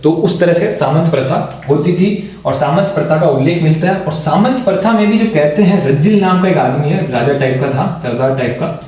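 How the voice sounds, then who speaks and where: A man's voice: a little high, moderate pace, hardly any pauses, a little mellow, muffled recording. A man teaching a history lesson for exam prep, who repeats each point, asks himself questions and keeps checking in with the class. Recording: very echoey room.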